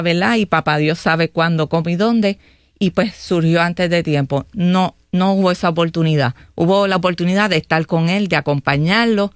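A woman's voice: fairly low pitch, smooth, no echo. A Puerto Rican woman in her fifties, a mayoral candidate speaking earnestly in a studio interview and often checking in with "¿verdad?". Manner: earnest, fills pauses with "¿verdad?". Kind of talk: radio interview.

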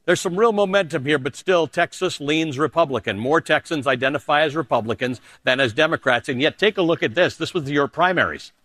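Brisk and hardly pausing, a middle-aged Canadian news anchor gives emphatic political commentary alongside a personal essay. His voice is a bit bright, dipping low for personal asides.

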